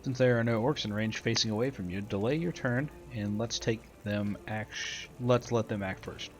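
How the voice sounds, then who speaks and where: A man doing a game playthrough offers casual, matter-of-fact commentary and reads the tutorial text aloud as he plays. His voice is lowish and his pace moderate.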